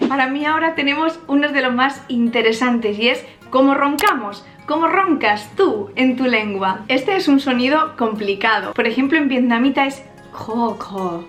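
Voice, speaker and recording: A woman with a Spain Spanish accent, her voice sitting quite high. She hosts an upbeat educational vlog about language and imitates each sound with relish. Soft music plays faintly behind her. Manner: playful, imitating sounds with gusto. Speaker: language YouTuber. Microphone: camera mic, filmed at close range.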